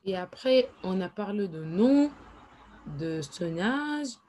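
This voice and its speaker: A woman teaching in a slow, patient classroom explanation, repeating each phrase and adding English asides. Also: mid-range voice, lively intonation, mellow, slight background noise. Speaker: French teacher.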